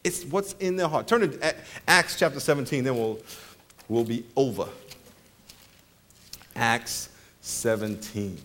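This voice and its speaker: Speaking a little slowly with long pauses, this medium-pitched pastor fills his sermon with funny travel tales. He performs the different voices himself and frequently laughs as he goes.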